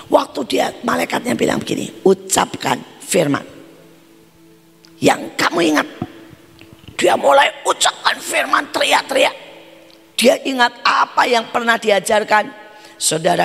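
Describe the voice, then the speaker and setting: A man preaching a sermon as pastor, impassioned, swinging between hushed words and shouting. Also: extremely high pitch, gravelly, breathy edge, in a large hall.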